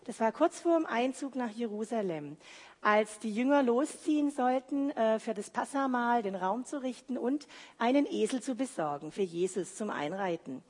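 Woman giving a heartfelt sermon, big echoey hall, kinda husky. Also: fairly high pitch, lively intonation, moderate pace, a little mellow. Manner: earnest, heartfelt testimony with emphatic repetition. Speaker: lay preacher. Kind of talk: devotional sermon. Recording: long hall reverb.

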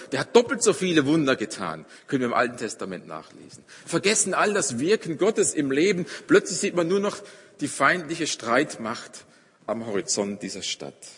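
A man preaching a sermon, telling a story dramatically and moving between loud, emphatic passages and hushed ones. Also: medium pitch, husky, in a large hall. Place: church.

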